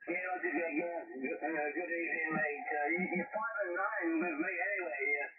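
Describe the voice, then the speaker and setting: A man's voice: a little high, a little fast, soft background music. A man chatting casually as an amateur radio operator, hesitant and informal, heard through a radio transmission with static. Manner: hesitant, informal, spells words in phonetic alphabet. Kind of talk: casual ham radio contact. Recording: muffled narrowband shortwave radio, clear static noise.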